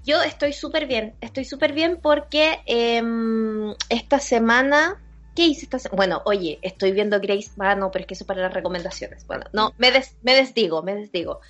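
Chatty Chilean woman with a highish voice. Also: normal speed, fairly bright tone, muffled recording, faint music behind. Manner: chatty, self-interrupting. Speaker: podcast co-host. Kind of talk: casual chat.

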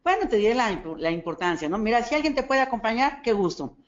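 A woman with a Mexican Spanish accent giving a motivational talk on network marketing, animated and acting out dialogue as she tells stories. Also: fairly high pitch, fast. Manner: animated storytelling, acts out dialogue, asks listeners for agreement. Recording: dull lo-fi recording.

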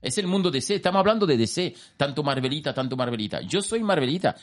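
Enthusiastic Spanish man, animated talk. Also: on the high side, quick pace. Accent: Spain. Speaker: film commentator. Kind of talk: casual radio chat.

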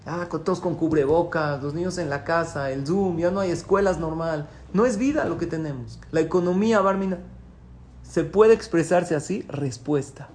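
A man with a high, bright-edged voice delivers a rabbi's sermon. He poses questions and answers them himself, swinging from loud, urgent pleas to soft, hushed asides. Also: normal speed, a little hiss or hum.

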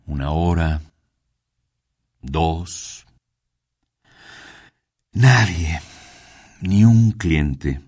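A man narrates a story in a measured, unhurried way. His voice is very deep and steady throughout. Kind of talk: scripted narration.

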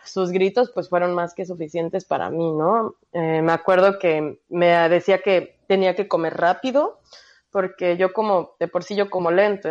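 A young woman with a Mexican accent telling a personal story in casual, slangy chat. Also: fairly low pitch. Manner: slangy, animated storytelling with frequent "güey". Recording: dull, muffled recording.

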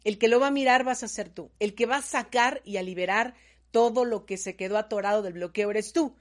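A woman, a therapist speaking straight to the listener, animated and emphatic as she gives advice. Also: mid-range voice, brisk. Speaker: energy healing therapist. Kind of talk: talk to camera giving advice.

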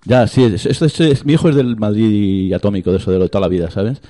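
A man's voice: on the low side, fairly even intonation, quick pace, warm tone. A middle-aged man, a radio guest teasing and telling gossip with many restarts. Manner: chatty, teasing, hesitant restarts. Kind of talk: joking radio chat.

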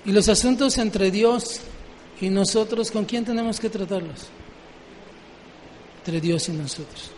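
A man's voice: sits high, measured pace, long pauses, a little mellow, big-room sound, slight background noise. A man preaching a sermon, often asking the congregation questions.

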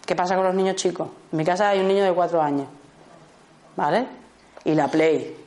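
A woman with a Spanish accent, teaching a small group in a lively way, acting out short exchanges and often checking in with her listeners. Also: on the low side, fairly quick. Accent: Spanish from Spain. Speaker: workshop teacher.

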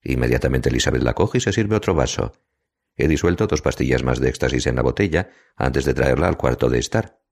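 A man reading an audiobook in a calm, cold, deliberate manner. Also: rumbling low, slightly rough. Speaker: audiobook narrator. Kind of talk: scripted narration.

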